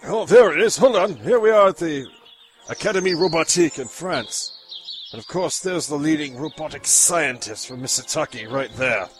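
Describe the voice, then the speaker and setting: Man playing a high, theatrical mad scientist. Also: animated, normal speed, soft background music, close to an everyday voice. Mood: boastful. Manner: pompous, melodramatic, cackling. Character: ranting theatrical male mad scientist, vain and excitable. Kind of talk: comic horror parody audio drama.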